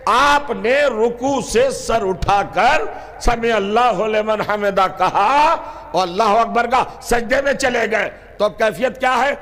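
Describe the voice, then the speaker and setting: A man's voice: very high voice, fairly bright tone. A man preaching a sermon as a cleric, putting rhetorical questions to his listeners and often raising his voice in declamation. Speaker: Shia cleric giving a majlis.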